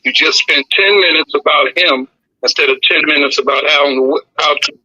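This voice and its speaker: A man's voice: on the high side, moderate pace, bright, forceful tone. A man calling in over a crackly phone line on speaker that fades in and out, earnestly lecturing and repeating himself for emphasis. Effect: crackly phone line on speaker, fading in and out. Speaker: caller.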